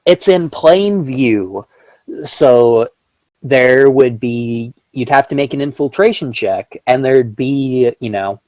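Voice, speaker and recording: A man narrating as game master of a tabletop role-playing game, talking with halting starts and fillers. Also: medium pitch, a little mellow, dry recording.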